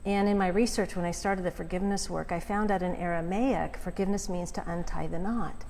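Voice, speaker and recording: This forgiveness coach, a guest on an interview, speaks in a fairly low, darkish voice at a brisk clip with rather even intonation. Outgoing and conversational, she keeps checking in with the listener by asking "right?". Background noise is clear, and the hall echoes.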